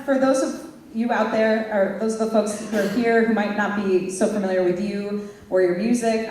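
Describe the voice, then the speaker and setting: Woman interviewer in an echoing hall. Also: medium pitch. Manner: warm, hesitant, many fillers. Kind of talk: onstage interview. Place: conference hall stage. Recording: roomy hall sound from far off, faint noise.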